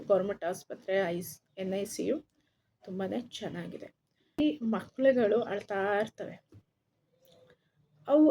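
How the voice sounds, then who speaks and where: A woman's voice: on the high side, mellow, slight background noise. A young woman telling her own story earnestly as a vlogger, quoting what others told her. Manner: earnest, recounting quoted words of others. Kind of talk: personal storytelling.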